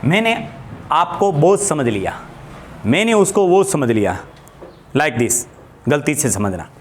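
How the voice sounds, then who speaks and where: Slow, lively teacher. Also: male voice, fairly high pitch, slight background noise. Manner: slow, repeats words for practice, mixes Hindi and English. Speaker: English teacher. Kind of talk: spoken English lesson.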